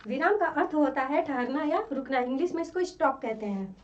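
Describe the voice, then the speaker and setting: Woman teacher, high voice, patient explanations, distant dull recording. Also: expressive. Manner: slow, explanatory, repeats examples. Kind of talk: classroom lesson.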